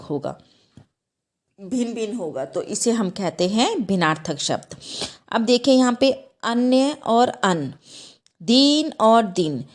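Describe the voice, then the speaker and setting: A woman teaching a class of young children, explaining slowly and patiently, often checking understanding with a rising "okay?". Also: darkish tone. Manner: repeats "ठीक है?" with a rising pitch, asks children questions; slow, patient, self-correcting. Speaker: school teacher. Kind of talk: slow explanatory class lesson.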